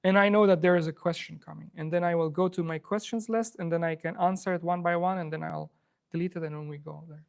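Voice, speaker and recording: A man's voice: a little high, steady tone, fast talker, gravelly, clean tone. A man from Afghanistan hosts a live coding workshop to a room, chatty and loose, with many fillers and restarts. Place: room with an in-person audience.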